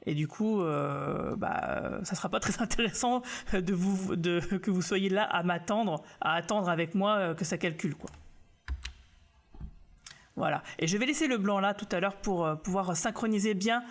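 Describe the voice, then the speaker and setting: Man, casual live tutorial, relaxed, self-mocking, thinking aloud, lots of fillers. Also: sits high, moderate pace. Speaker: graphic designer teaching software on a live stream.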